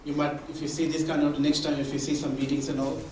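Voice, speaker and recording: A man's voice: on the high side, little pitch movement, quick pace, a little mellow, a little hiss or hum. A man giving a conversational talk at a mentoring event, explaining with examples and frequent restarts. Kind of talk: conversational presentation. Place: meeting room or hall. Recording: echoey room from far off.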